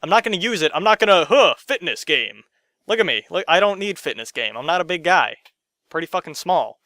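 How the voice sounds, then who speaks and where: A young man ranting to camera in his room, sarcastic and profane, jumping from loud outbursts to muttered asides. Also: a little high, big pitch swings, fairly quick, no echo, studio quality. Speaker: gaming vlogger.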